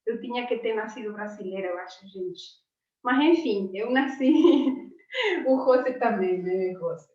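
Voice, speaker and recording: A woman's voice: a little high, expressive, a little slow, a little mellow. Woman chatting from afar, roomy sound. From Argentina. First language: Spanish. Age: 40s. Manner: chatty and affectionate, laughs often. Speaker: teacher. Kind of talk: casual chat on a video call. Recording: roomy, distant, dull sound.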